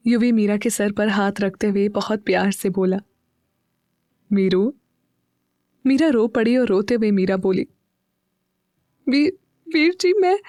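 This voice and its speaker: A woman narrating a romance audio story with a steady storytelling delivery. Her voice is mellow and warm, and it is recorded dry and close. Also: medium pitch, dry recording. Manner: steady storytelling, voicing every character.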